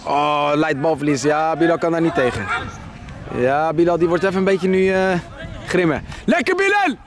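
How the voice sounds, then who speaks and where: A man vlogging from the sideline, commentating his son's football match like a sportscaster, rising to shouts. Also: a little high, expressive, moderate pace. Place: outdoor football field at a tournament. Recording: loud crowd noise behind, music over it. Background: crowd and music.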